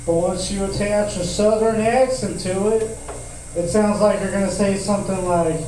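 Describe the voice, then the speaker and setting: A man in his 20s from Tucson, Arizona does a laid-back, crude stand-up set in a comedy club, laughing at his own jokes. His voice sits high with a steady, dark tone at a moderate pace. The club audio is echoey, distant, and noisy.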